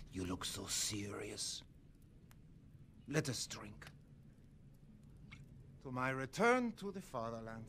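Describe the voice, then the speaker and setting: An actor playing a cruel, sly middle-aged German officer, speaking in a silky, mocking way with a German accent. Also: male voice, medium pitch, sing-song, slow pace, long pauses, a bit bright, slight background noise, full character voice. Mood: gloating. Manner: silky, mocking, relishing menace.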